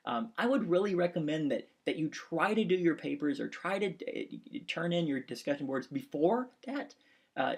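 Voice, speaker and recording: A forty-something man with a gravelly, husky voice, giving a casual class announcement. He talks in an earnest, rambling way, restarting sentences and filling pauses with fillers. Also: medium pitch. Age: 40s. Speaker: instructor and pastor. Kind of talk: casual course announcement video.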